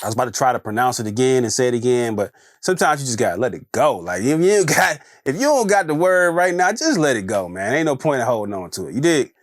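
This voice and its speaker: A man's voice: medium pitch, very animated, quick pace, hardly any pauses, no echo. Chatty man with dry close sound. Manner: conversational, repeats phrases, frequent "you know what I'm saying". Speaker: podcast host. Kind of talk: casual solo commentary.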